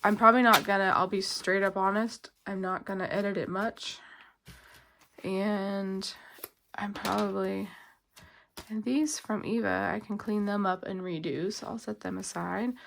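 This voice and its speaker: A woman's voice: mid-range voice, steady tone, measured pace, vocal fry, fairly bright tone, slight background noise. A woman chatting casually while she counts cash, rambling with lots of fillers and congested from a cold. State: congested, coughing. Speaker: budgeting vlogger.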